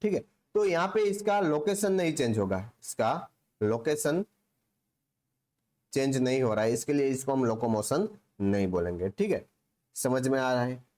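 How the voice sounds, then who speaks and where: A man's voice: medium pitch, lively intonation, normal speed, a little mellow. Man teaching biology in Hinglish. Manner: asks rhetorical questions and answers them himself; repetitive, with frequent "theek hai". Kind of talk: Hinglish classroom lecture.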